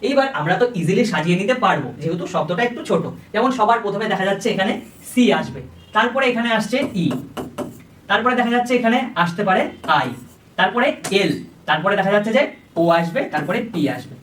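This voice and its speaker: A brisk coaching teacher walks through the problems step by step and keeps checking that students follow. The voice sits back from the mic in an echoey room. A faint hum of ambience runs underneath. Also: medium pitch, animated, a bit bright, distant mic. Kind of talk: exam-prep lecture.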